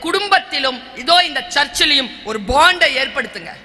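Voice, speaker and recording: A woman's voice: high voice, animated, fairly quick, sharp tone. A woman in her forties, a teacher and guest speaker, giving an emphatic church talk and listing points in short, punchy phrases. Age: 40s. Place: large church hall. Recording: long church-hall reverb.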